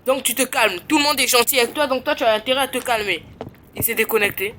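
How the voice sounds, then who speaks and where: A woman chatting casually to her viewers while playing a survival game, excitable and quick to squeal with surprise. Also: fairly high pitch, a little hiss or hum. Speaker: gaming YouTuber. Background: game music.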